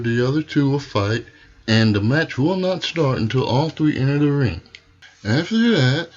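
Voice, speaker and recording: A man's voice: medium pitch, muffled recording. A man playing a stern, indignant wrestling federation president delivering an emphatic, authoritarian wrestling promo.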